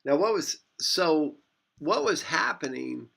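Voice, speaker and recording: Giving a physics lecture, this instructor talks slowly but in an animated way, his fairly high voice slightly bright and marked by vocal fry. He rambles, restates phrases and keeps correcting himself.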